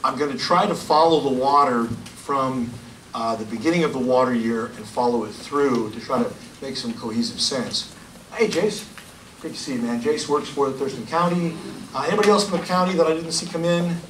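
A man in his forties giving a loud, energetic public science lecture to a room of listeners. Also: mid-range voice, normal speed, slight background noise. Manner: loud, energetic, gestures and points at slides. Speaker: county hydrogeologist giving a public talk. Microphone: lapel mic, filmed from the room. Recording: echoey room, voice from far off.

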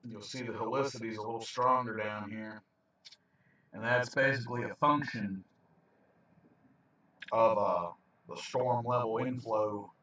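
A man's voice: on the low side, steady tone, measured pace, long pauses, bright, forceful tone. Man storm chaser, distant roomy sound. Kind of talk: explaining weather radar to viewers. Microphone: handheld camera, away from the mouth. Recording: roomy, dull, distant handheld camera mic.

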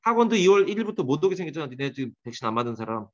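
A man races through an English grammar lesson for a classroom, his fairly high voice jumping around in animated swings. Between points he quizzes his students and teases them by name. The audio sounds dull and lo-fi.

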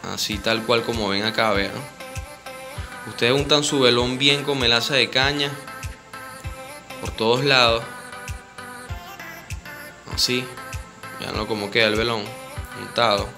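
A Venezuelan-accented man leads a home ritual and explains each step to the people watching. He talks directly to viewers and repeats his instructions over and over. His voice sits at an ordinary middle pitch, and music plays clearly behind him. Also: measured pace, long pauses. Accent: Venezuelan Spanish. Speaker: spiritist ritual guide. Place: indoor room with a home altar.

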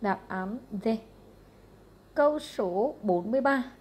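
Brisk Vietnamese woman teaching English. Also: a little high, expressive, a little mellow, slightly rough. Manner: brisk, matter-of-fact, repeats question numbers. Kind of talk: going through exam answers.

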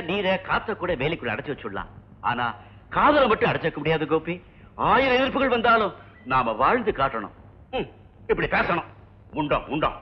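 A self-important middle-aged film director who lectures and sneers. The delivery is stagey 1980s film dialogue on a dull, muffled soundtrack. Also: male voice, high-pitched. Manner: lecturing, then scornful. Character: pompous hypocritical male film director.

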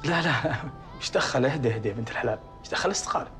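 An actor playing a coaxing, reassuring boss who calms an upset employee, speaking. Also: male voice, medium pitch, racing, soft background music, lightly acted. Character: man, soothing boss calming an upset employee. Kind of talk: TV drama acting.

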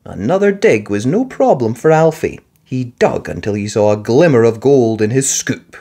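An expressive storyteller narrates a children's picture book out loud, keeping a moderate pace and a mid-range voice.

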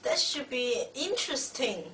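A woman presenter speaks slowly in a high, bright voice. Her scripted announcements sound distant in an echoey room. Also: big pitch swings, a little hiss or hum. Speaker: assembly co-presenter. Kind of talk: scripted bilingual event announcing.

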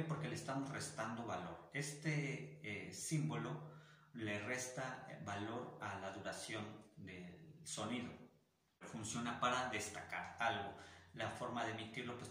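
A man's voice: on the low side, fairly bright tone. Echoey Mexican man teaching music. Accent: Mexican Spanish. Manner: patient, explanatory, sings syllables to demonstrate articulations. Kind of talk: online music theory lesson. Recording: very echoey room, faint noise.

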